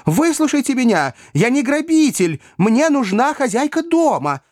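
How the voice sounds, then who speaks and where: A man doing a flustered old gentleman, desperate and loud, his voice pushed up high and strained. The reading is lively and full of swings, with a gravelly edge in a dry, close sound. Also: brisk, no room sound, full character voice. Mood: desperate pleading. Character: flustered portly elderly English gentleman, pleading.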